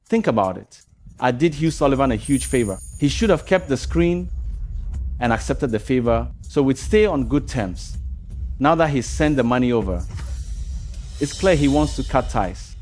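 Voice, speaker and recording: An actor voices a shrewd young captain in a dubbed period drama, explaining schemes with cool, measured confidence. His voice sits at an average pitch, unhurried and dry in humor. Faint music plays beneath. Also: expressive, darkish tone, natural voice. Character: shrewd young male captain, calm and clever.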